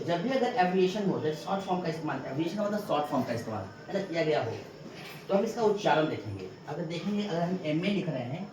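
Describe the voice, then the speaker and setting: Male teacher giving a patient board lesson; distant, echoey recording with steady noise. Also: on the high side. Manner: explains step by step, repeating "ठीक है". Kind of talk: classroom grammar lesson. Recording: echoey room, distant mic, clear background noise.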